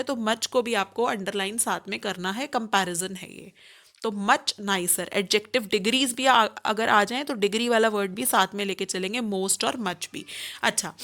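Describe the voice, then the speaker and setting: A woman's voice: a little high, pushed and bright. A young Indian woman teaching grammar, explaining step by step and answering her own questions. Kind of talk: grammar lesson mixing Hindi and English.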